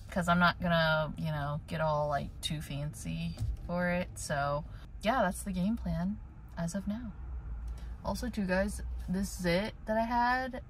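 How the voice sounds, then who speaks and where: Filming a daily vlog on a handheld camera at arm's length, this woman in her twenties chats casually from her car, the gym, her bedroom and her kitchen, dropping "like" constantly. She speaks on the low side with a slightly bright tone. There's some background noise, and the audio quality is poor.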